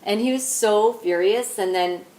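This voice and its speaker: An actress with a mid-range, darkish voice plays a young woman telling a friend a long, rambling story packed with likes and ums, in the style of naturalistic indie-film dialogue. Her delivery is a little slow, lightly acted and animated, and the recording is rough.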